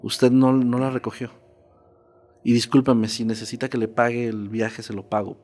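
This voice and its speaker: A man's voice: medium pitch, level tone, moderate pace, darkish tone, soft background music, lightly acted. A man voicing a grieving middle-aged mother who begs a driver not to pick up her dead daughter again. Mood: imploring.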